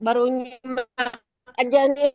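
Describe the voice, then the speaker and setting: A woman's voice: sits high, level tone, a little slow, smooth, dry recording, lo-fi sound. A woman making brief, polite remarks on an online call, her audio choppy and breaking up from a poor connection. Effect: choppy, breaking-up internet call audio. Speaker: study group participant.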